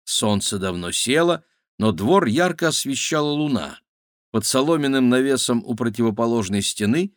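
A man narrating a children's adventure audiobook with steady, lively storytelling. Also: medium pitch, dry recording, clean studio sound.

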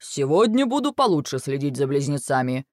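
A man voicing a bossy hurried sparrow dad. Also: fairly high pitch, big pitch swings, dry recording, studio quality. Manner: impatient, boastful.

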